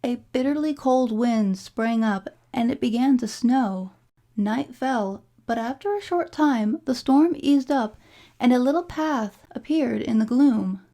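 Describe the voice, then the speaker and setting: A woman narrating a fairy tale from a storybook in a measured, formal storytelling delivery. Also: a little high, dark tone. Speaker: storybook reader.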